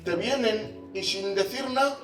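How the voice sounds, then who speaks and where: Predicador español de voz aguda y resonante. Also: male voice, high voice, a little slow. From Spain. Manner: swings from hushed to shouting. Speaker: pastor. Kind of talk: sermon. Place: church. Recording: echoey church from far off, faint music.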